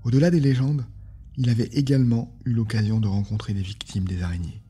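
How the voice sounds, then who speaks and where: A male podcast host reading a fantasy novel aloud in a calm, measured narration. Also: mid-range voice, breathy edge, soft background music.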